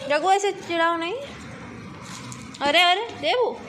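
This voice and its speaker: A woman's voice: very high-pitched, measured pace. A young woman filming a casual family vlog on a handheld phone, chatting and coaxing a small child outdoors at night and in a shop. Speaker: family vlogger. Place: outdoor parking area and supermarket at night. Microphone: handheld phone camera. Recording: noisy phone video.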